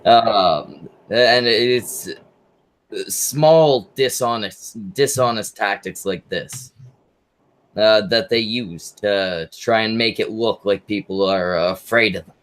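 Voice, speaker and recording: A man hosting a casual livestream chat, talking haltingly and swearing often. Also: on the low side, fairly bright tone. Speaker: livestream host. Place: online group voice call.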